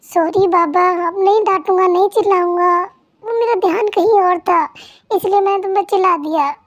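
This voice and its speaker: A woman's voice: extremely high pitch, normal speed, no room sound, highs cut off. A woman voicing a remorseful young husband who keeps apologizing and pleading, in a Hindi fan dub.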